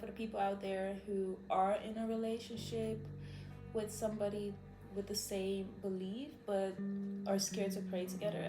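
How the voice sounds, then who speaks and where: A Nigerian-born woman in her twenties chatting casually to camera as a vlog co-host, giggly and earnest. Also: mid-range voice. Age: 20s. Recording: echoey room with background music.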